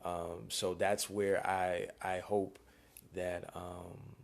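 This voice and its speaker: A man's voice: low-pitched, level tone, drawn-out words, gravelly. A man reading viewer questions and answering them on a live stream, speaking in a laid-back, slangy way. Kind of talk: casual live-stream chat.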